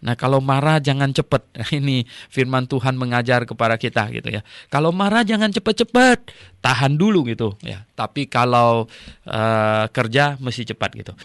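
A man's voice: mid-range voice, moderate pace, fairly bright tone, clear, resonant tone, no room sound, studio quality. A man teaching the Bible on radio in a folksy, conversational way, repeating his phrases and tagging them with a questioning "ya", with the odd chuckle.

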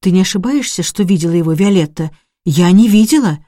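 A woman's voice: fairly low pitch, animated, a little fast, warm tone, dry recording, clean studio sound. Brief: woman reading an anxious genteel lady, pleading, audiobook. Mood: doubtful. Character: frightened older lady of the house.

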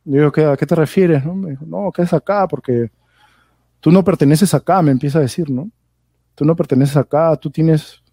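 A man's voice: on the high side, dark tone, no echo. A man from Peru with a Peruvian Spanish accent, a podcast guest telling anecdotes casually and tagging his phrases with a questioning aside. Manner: rambling storyteller, tags phrases with "¿no?".

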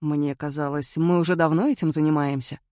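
A woman's voice: low voice, steady tone, a little fast, warm tone, no echo, natural voice. A woman voicing a wry, self-ironic charming man in an audiobook, with a dry, joking manner. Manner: dry, self-deprecating humor. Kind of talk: audiobook dialogue reading.

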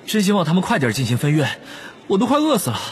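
A man's voice: sits high, huge pitch swings, fast talker, background noise, pitched above the performer's own voice. A man voicing a grumbling, exasperated teenage schoolboy in an audiobook, whiny and complaining. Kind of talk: audiobook character acting.

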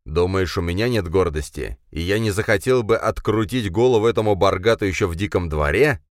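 A man's voice: sits low, no room sound, studio quality, pitched above the performer's own voice, lightly acted. A male narrator voicing an agitated young man who snaps and hisses sarcastic remarks. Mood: heated. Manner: heated, sarcastic, quick to snap.

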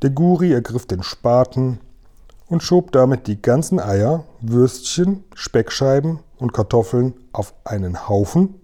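Mann, Vorleser, Kinderbuch, lebhaft, dunkle warme Stimme. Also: male voice, mid-range voice, unhurried. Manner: lively expressive storytelling. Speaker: reader. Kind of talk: audiobook reading.

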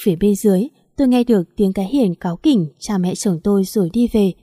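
A woman's voice: medium pitch, fast, mellow, no room sound, clean studio sound. A woman narrating a story in the first person, wry and confiding.

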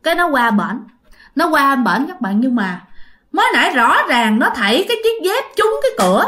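A woman's voice: sits high, big pitch swings, normal speed, fairly bright tone, a little hiss or hum. A woman with a Southern Vietnamese accent telling a ghost story in a chatty way, repeating phrases and often speaking straight to her listeners. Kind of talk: casual ghost story narration.

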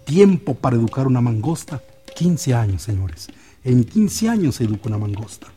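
A man's voice: medium pitch, very animated, normal speed, dark tone, soft background music, pitched below the performer's own voice, lightly acted. A man voicing a crafty, theatrical snake charmer who pleads with a crowd like a street barker. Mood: pleading showman.

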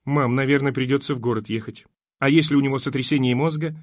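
A man's voice: mid-range voice, steady tone, fast talker, no echo, studio quality, natural voice. A man voicing an exasperated grown daughter in an audiobook, impatient and scolding. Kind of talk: audiobook character voice.

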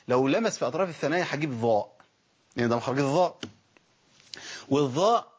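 A man with an Egyptian Arabic accent teaches Quran pronunciation at a quick clip, his voice slightly husky. He breaks into slow, stretched recitations to demonstrate each sound. The recording is dull and lo-fi. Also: on the high side. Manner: lively, demonstrates recited words slowly and stretched. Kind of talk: Egyptian colloquial lesson on letter pronunciation.

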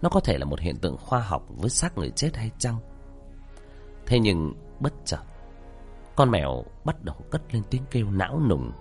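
A man's voice: lowish voice, wildly swooping pitch, moderate pace, over music. A man telling a horror story in a tense, dramatic narrating style.

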